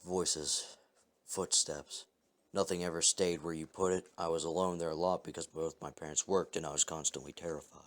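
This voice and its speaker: A man reading first-person scary stories aloud as a narrator, in a calm, measured way. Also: low-pitched. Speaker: story narrator. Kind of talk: scripted horror story reading.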